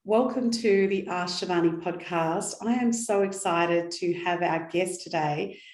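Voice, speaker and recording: A woman's voice: lowish voice, a little slow, a little mellow. A woman hosting a podcast interview, eager and chatty, with some "um"s as she reads a guest's introduction. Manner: enthusiastic, reads guest bio with fillers. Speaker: podcast host. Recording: roomy echo with faint music.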